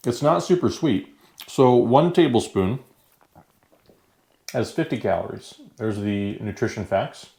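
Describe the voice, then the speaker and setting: A man's voice: medium pitch, lively intonation, measured pace, long pauses, dark tone. A man casually chatting as he tastes new foods for a vlog, easygoing and talking while eating. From United States. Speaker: vlogger. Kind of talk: casual food-tasting chat.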